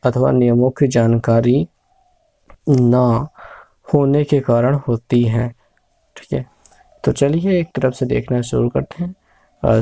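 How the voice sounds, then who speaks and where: A male teacher giving a slow spelling lesson, repeating each word several times and pausing with hesitant filler sounds. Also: mid-range voice, vocal fry, mellow, no echo.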